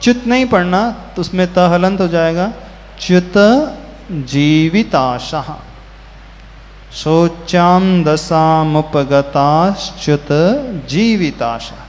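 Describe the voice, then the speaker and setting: Slow-spoken monk chanting verses in a hall. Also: male voice, a little high. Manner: corrects pronunciation patiently, chants verses in a drawn-out tune. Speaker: Jain monk teaching a scripture class. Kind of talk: slow sermon-style class with chanted verses. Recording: hall reverb with faint ambient noise.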